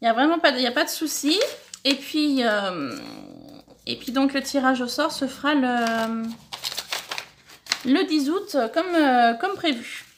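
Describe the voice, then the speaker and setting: A middle-aged woman from France with a high-pitched voice chats casually as she opens mail from viewers. She thanks each sender and often stumbles and restarts her sentences. She sounds like a hobby vlogger talking to her subscribers. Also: animated, measured pace, noisy background. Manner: chatty, thankful, stumbles over words. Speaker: scrapbooking channel host. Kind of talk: casual mail-opening vlog.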